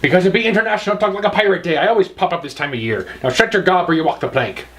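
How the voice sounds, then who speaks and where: A man playing a blustering pirate who talks in gruff pirate slang and bosses people around. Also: on the high side, big pitch swings, fast, a bit bright, pitched above the performer's own voice. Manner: growling pirate talk, bossy and pushy. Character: blustering pirate named Cowhead, adult man. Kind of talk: comedic sketch within a review show.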